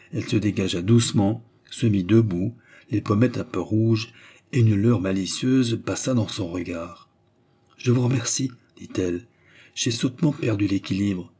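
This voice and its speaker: Low husky male audiobook narrator. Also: moderate pace, dark tone. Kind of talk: audiobook reading.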